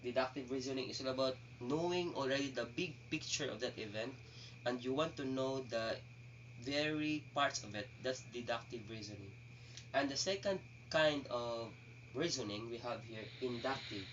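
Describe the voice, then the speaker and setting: A man's voice: medium pitch, normal speed, a bit bright. A man with a Filipino accent giving a classroom lecture, switching between languages and often restarting his phrases. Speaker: teacher. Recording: distant muffled mic with faint noise.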